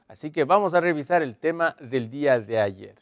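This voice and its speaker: A man's voice: fairly high pitch, lively intonation, dry recording. Man teaching an English lesson. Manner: slow, drawn-out model phrases in English; explanatory, checks in with "¿sí?" and "¿ok?". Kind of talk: televised language lesson.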